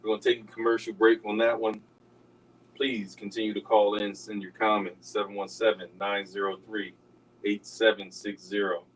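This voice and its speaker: An older man hosting a radio talk show, telling stories in a raspy, easygoing way. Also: fairly low pitch, level tone, normal speed, recorded from a distance, a little hiss or hum, poor audio.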